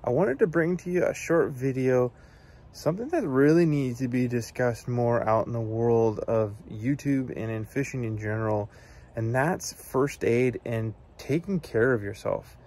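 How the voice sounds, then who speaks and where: An American man in his thirties, an outdoors video host, speaks to the camera among evergreen trees, offering practical advice. His medium-pitched voice is a little slow and a little mellow, and his manner is casual, earnest, and plain-spoken.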